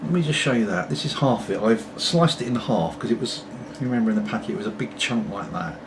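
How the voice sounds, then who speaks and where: A man's voice: mid-range voice, animated, fast talker. A middle-aged British man rambling casually to camera with apologetic asides, talking while puffing on a pipe at home. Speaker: pipe-smoking video blogger. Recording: distant mic, clearly noisy background.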